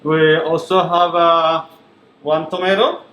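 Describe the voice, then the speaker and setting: Hesitant chef from Ethiopia. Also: male voice, fairly high pitch, level tone, slow, highs cut off. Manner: hesitant, many "uh" fillers. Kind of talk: cooking demonstration. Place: kitchen. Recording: echoey kitchen, faint background noise.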